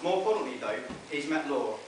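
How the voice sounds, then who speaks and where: A man's voice: medium pitch, animated, fast. Best man, young, reading a wedding speech; distant, heavily reverberant, noisy recording. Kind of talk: wedding speech, read from notes. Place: inside a wedding venue, speaking to guests. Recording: roomy echoing, noisy, distant event recording.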